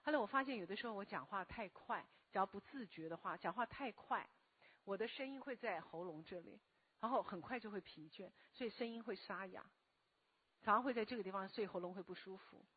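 A woman lecturing a class in a slow, deliberate way, often asking the listeners questions, her voice a bit hoarse from a recent cough. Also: mid-range voice, dry recording, phone-quality sound. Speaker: lecturer and meditation teacher. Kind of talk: spoken self-help lecture to a live class.

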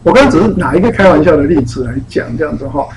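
A man's voice: a little high, racing, crowd noise, low-quality recording. A man giving a casual lecture, telling anecdotes and acting out the voices of people in his stories. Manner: animated, acts out quoted voices in stories. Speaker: lecturer on spiritual teachings.

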